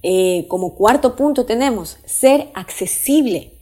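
A woman teaching customer service tips in an informal talk, chatting with the audience, often pausing on fillers and asking "right?" as she goes. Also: a little high, animated, dark tone, slightly rough. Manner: conversational, with frequent fillers and tag questions; restarts sentences and corrects herself mid-phrase.

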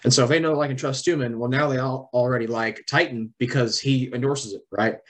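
A man's voice: medium pitch, steady tone, brisk. A man explaining things informally through examples in a casual business conversation.

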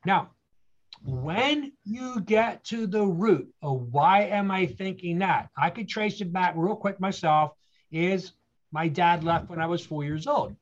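This guest speaker, a man with a high voice, takes it slowly as he recounts his story in an earnest, motivational way. Rhetorical questions and repeated key phrases run through it, captured on a dull, lo-fi recording.

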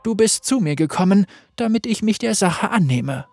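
A husky-voiced narrator playing a stern veiled female spirit who judges and punishes, speaking in a cold, piercing way. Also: medium pitch, animated, moderate pace, darkish tone, no echo, soft background music, voice pushed up. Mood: menacing. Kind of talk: read-aloud storytelling.

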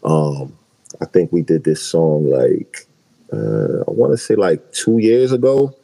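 Deep-voiced laid-back male host. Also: big pitch swings, slow, creaky, dark tone, low-quality recording. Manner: laid-back, slangy, emphatic. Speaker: podcast host. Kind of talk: casual chat.

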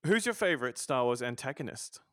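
A man's voice: medium pitch, lively intonation, brisk, background noise. A man hosting a casual podcast interview, often stammering and repeating words as he talks. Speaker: podcast host.

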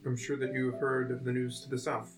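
A man's voice: medium pitch, monotone, brisk, low-quality recording. A man playing a tabletop role-playing game, speaking casually in and out of character. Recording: plucked guitar music behind.

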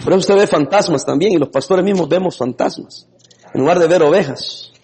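High-voiced pastor preaching in a hall. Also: male voice, fairly quick, a little hiss or hum. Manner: lively preaching with laughs and sudden shouts. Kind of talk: sermon. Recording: long reverb in a hall.

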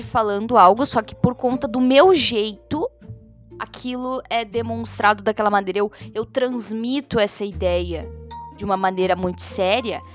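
A young woman from Brazil, chatting animatedly with lots of fillers in a solo podcast. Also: medium pitch. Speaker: podcast host. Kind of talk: casual solo podcast chat.

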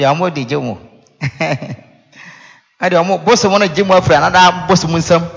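A man's voice: fairly high pitch, fairly bright tone. A Ghanaian man, a native Twi speaker, preaching in a conversational teaching style with rhetorical questions and repeated phrases. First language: Akan (Twi). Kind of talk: sermon teaching, mixing explanation with scripture and storytelling. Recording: echoey hall with long reverb.

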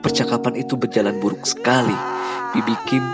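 A man narrating a novel in the first person in a measured, calm and grave manner. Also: mid-range voice, loud music behind the voice. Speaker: audiobook narrator.

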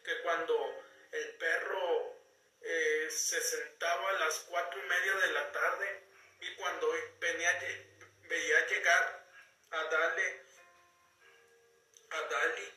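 Guy talking slow about a book, kinda high voice, roomy echo and soft music behind. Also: steady tone. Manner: halting, repeats words, folksy storytelling. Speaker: book commentator. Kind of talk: casual spoken commentary on a self-help book, reading passages aloud. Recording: echoey room, voice a bit far from mic, faint music behind.

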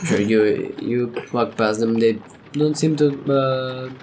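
A man narrating a tabletop game as game master, halting with many fillers, laughing often and swearing casually. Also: mid-range voice, darkish tone, a little hiss or hum.

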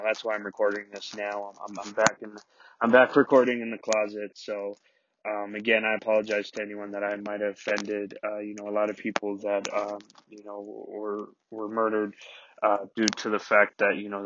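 A podcast host recording a halting solo apology inside a closet, full of "you know" fillers and restarts. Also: male voice, lowish voice, fairly bright tone, muffled recording, slight background noise.

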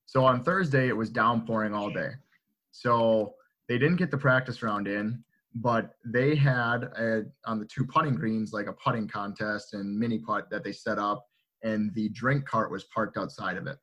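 Young adult man, bright tone, rambling animated storyteller. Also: on the low side. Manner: animated, filler-heavy, checks in with "right?". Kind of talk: casual storytelling among friends.

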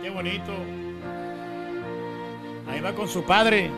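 A man's voice: sits high, takes it slowly, loud music behind the voice. A man with a Mexican accent chiming in on a radio talk show with short, jokey remarks. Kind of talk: casual radio banter.

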